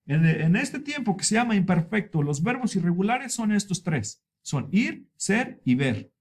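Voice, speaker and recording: A male Spanish teacher explaining verb endings at a board, patient and repetitive, stretching example words out slowly for learners. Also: high-pitched, sing-song.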